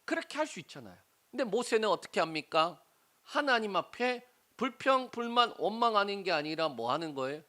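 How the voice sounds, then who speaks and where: Animated high-voiced male pastor preaching. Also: fairly quick. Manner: animated, asks the congregation rhetorical questions. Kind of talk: sermon.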